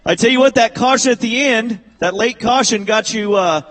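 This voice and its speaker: A man's voice: very high-pitched, moderate pace, a bit bright, low-quality recording. A man interviewing a race winner in victory lane, folksy and chatty. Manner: folksy, repeats "I tell you what". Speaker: track-side interviewer.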